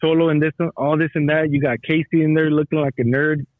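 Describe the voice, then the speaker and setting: A man's voice: fairly high pitch, little pitch movement, fast, no room sound. A man, a military veteran calling in to a podcast, chatting casually with slang, swearing and repetition. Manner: profane, slangy, repeats himself. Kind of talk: casual chat. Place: calling from a garage. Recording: dry, dull lo-fi call audio.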